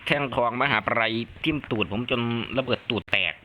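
Excitable young gamer man, rain behind. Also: mid-range voice, a little fast, highs cut off. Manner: loud, excitable, crude joking with frequent yelps. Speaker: gaming YouTuber. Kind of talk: Thai let's-play commentary. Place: home room during heavy rain. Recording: rain noise clearly audible behind voice.

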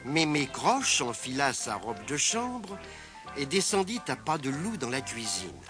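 A man reading a children's story aloud in a lively, expressive manner. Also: medium pitch, measured pace. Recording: music playing behind.

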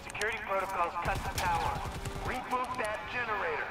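A man's voice: sits high, a little fast, background noise. A man voicing a terse military mission handler who gives orders over comms in a clipped delivery. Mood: commanding. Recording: loud game music behind.

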